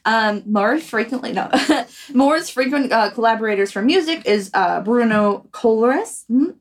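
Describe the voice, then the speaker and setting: A fairly high-voiced woman chats her way through a film summary, tripping over names as she reads. She sits a little back from the microphone. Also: animated, unhurried, recorded from a distance. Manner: chatty, stumbles over names while reading. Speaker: podcast co-host. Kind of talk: casual chat, reading a film summary.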